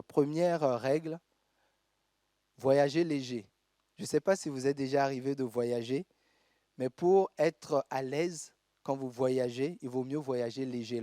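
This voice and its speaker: A man from Togo, preaching a sermon in a church and reading scripture aloud with measured pauses. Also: mid-range voice, warm tone, no room sound, studio quality. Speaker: pastor.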